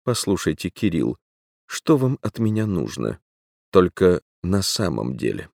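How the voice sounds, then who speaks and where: A man reading an audiobook voices a cool young woman who asks measured, dry questions. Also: sits low, sing-song, creaky, darkish tone, no room sound, exaggerated voice.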